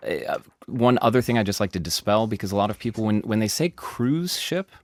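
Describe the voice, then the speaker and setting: A man hosting a science podcast, explaining the news in a casual, animated way with lots of asides and emphasis. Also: on the low side, brisk, no echo. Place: studio.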